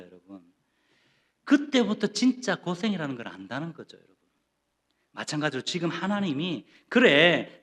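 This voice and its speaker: A middle-aged man preaching a sermon as pastor, telling homely personal stories in a lively, conversational way. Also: fairly high pitch. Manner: animated, with playful personal stories.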